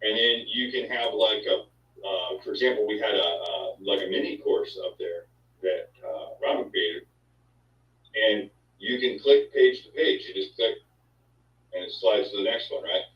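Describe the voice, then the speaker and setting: A man's voice: lowish voice, a little slow. A man hosting a casual chat, talking in an easygoing, rambling way. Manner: easygoing, rambling, sound effects. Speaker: host. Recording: echoey, distant, dull sound.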